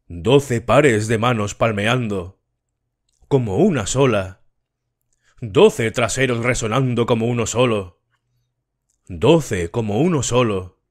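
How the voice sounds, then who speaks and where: A man reading a novel aloud as an audiobook narrator, slow and measured. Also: mid-range voice. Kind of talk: scripted narration.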